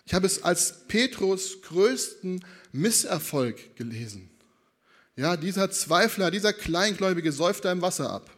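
At a measured pace, a high-pitched man delivers a conversational sermon, frequently checking in with the audience. He uses lots of tag questions and brings quotes to life by re-enacting them.

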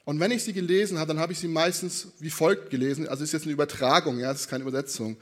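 A man with a voice on the high side preaches a sermon in a rapid-fire, conversational way. He often checks in with his listeners through tag questions and lively re-enacted quotes.

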